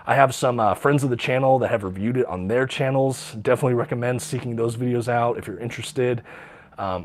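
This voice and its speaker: Casting: man, livestream host, enthusiastic and chatty, slightly stuffy and short of breath. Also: mid-range voice. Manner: enthusiastic, many ums and uhs, reads out viewer questions. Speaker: livestream host showing his comic collection. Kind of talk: casual livestream chat.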